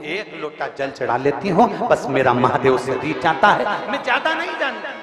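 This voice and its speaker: A man's voice: fairly high pitch, big pitch swings, moderate pace, a loud crowd. A man voicing a simple, humble woman devotee who speaks plainly and innocently. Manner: plain, innocent first-person pleading. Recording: echoey hall with loud music.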